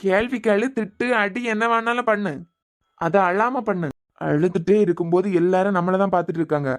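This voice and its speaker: A man's voice: sits high, fairly even intonation, a little fast, close to an everyday voice. A voice actor playing a remorseful husband in a cartoon serial, apologizing and pleading firmly with his wife. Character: remorseful husband, school correspondent.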